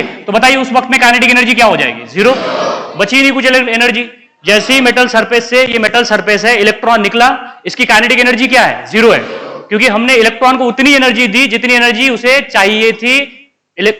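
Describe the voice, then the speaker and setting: A man delivers a chemistry lecture in a high, bright, forceful voice. He keeps asking his students questions and answering them himself. The sound trails off in the long reverb of a hall. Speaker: chemistry teacher. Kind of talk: classroom lecture.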